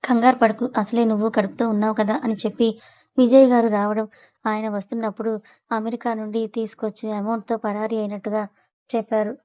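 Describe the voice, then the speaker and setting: A woman's voice: on the high side, warm tone. A woman narrating a serialized family drama story, reading the characters' lines in her own voice. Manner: reads all characters' lines in her own voice with little change.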